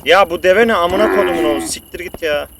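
A man giving profane, excitable gameplay commentary to his viewers as a streamer. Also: high-pitched, fast, gravelly, background noise.

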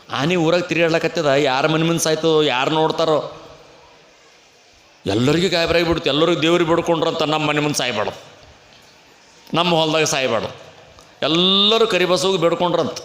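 A man, a swami with a North Karnataka Kannada accent, giving a humorous storytelling sermon and acting out the characters, at an outdoor village fair. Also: on the high side. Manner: lively storytelling, acts out the characters. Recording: echoey fair loudspeaker, long reverb.

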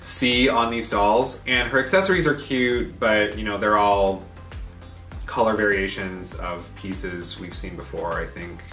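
A young man co-hosts a casual doll review chat for a doll collecting channel, chatty and enthusiastic, in a living room. His voice is lowish, unhurried and sharp. The sound is roomy and distant, with faint music.

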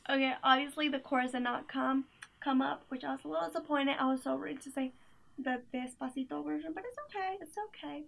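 At a quick pace, a young woman breezes through a playlist review, her high voice thick with gravelly fry. She is chatty and relaxed, heaping on fillers and giggly asides, recorded on a camera mic in a small indoor room.

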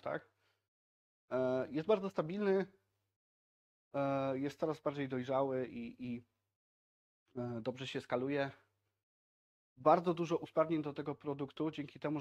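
A man's voice: mid-range voice, darkish tone. A man in his thirties giving a casual talk at a tech meetup, chatty and conversational, full of fillers and tag questions. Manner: conversational, frequent filler "tak?" and "e". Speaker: software team speaker at a tech meetup. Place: meetup room in front of projected slides.

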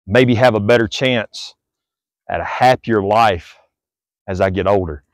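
A man's voice: lowish voice, a little slow, no echo, studio quality. A man, a fitness vlogger giving a blunt, preachy, repetitive motivational talk to the camera outdoors on a driveway. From Southern United States. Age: 40s.

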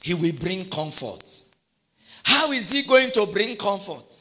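A man's voice: sits high, very animated, measured pace, pushed and bright, slight background noise. A middle-aged man preaching a sermon, quizzing his congregation with call-and-response questions. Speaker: pastor.

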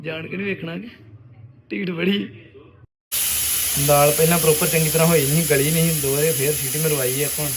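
A man's voice: on the high side, fairly even intonation, brisk, long pauses, crowd noise. A man vlogging with his family from a car, teasing his small child in casual chat. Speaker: vlogger, father.

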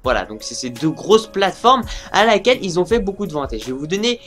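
Young guy gaming youtuber, kinda high voice, rambles w tons of fillers, soft music behind. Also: big pitch swings, fast. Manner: rambling, many fillers and restarts. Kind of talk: casual video commentary.

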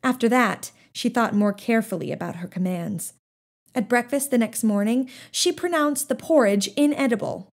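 A woman's voice: a little high, moderate pace. Woman narrating a storybook. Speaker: audiobook narrator. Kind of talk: first-person storybook narration.

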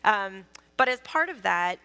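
Woman panelist, bright tone, long hall reverb, animated and wry. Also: medium pitch, unhurried, clean tone. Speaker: panelist, nonprofit chief executive. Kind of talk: conference panel discussion. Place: conference stage.

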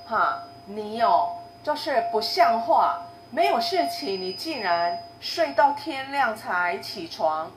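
A woman voicing a stern household mistress who scolds her maid sharply, her voice rising loud. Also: fairly high pitch, very animated, slow, hardly any pauses. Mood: scolding. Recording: roomy echo, faint noise.

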